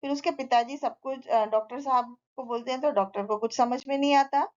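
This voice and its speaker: A woman's voice: high voice, fairly even intonation, a little fast, a little mellow. A woman retelling a story in a casual, informal way, with restarts and fillers, in a slightly dull recording.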